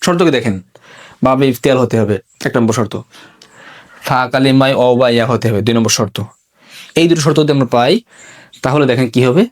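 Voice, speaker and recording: A male teacher giving an online grammar lesson, asking questions and answering them himself, repeating example words slowly. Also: mid-range voice. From Bangladesh.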